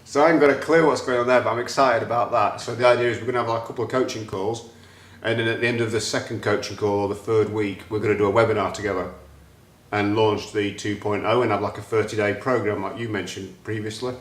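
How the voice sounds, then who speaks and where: A man, hosting a casual chat and talking about his plans in an animated, excitable way. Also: on the low side, fast, echoey room. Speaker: host.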